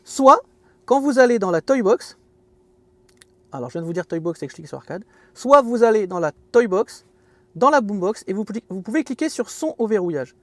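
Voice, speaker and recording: A man's voice: high-pitched, sing-song, fairly quick, dry recording. A man hosting a casual car walkthrough from inside his parked car, chatty and fond of self-mocking jokes. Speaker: car video host.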